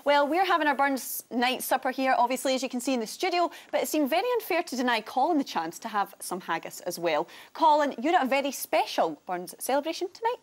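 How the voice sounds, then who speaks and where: Quick cheerful woman host. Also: high-pitched, very animated. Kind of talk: live TV show hosting.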